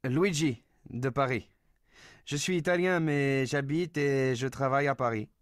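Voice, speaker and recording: A man's voice: medium pitch, unhurried, no echo, natural voice. Young male contestant, played by a man, matter-of-fact, dry audio. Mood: neutral. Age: 20s.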